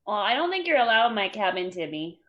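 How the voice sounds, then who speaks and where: A woman's voice: mid-range voice, big pitch swings, muffled recording, close to an everyday voice. A woman voicing a fussy, prim girl at summer camp who takes her time. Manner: prim, unhurried.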